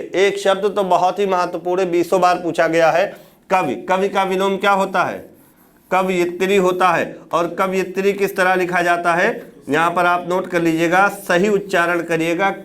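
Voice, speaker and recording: A man with a fairly high voice lectures a classroom of students. He throws out questions, supplies the answers himself and says each key word again so it sticks. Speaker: Hindi exam teacher.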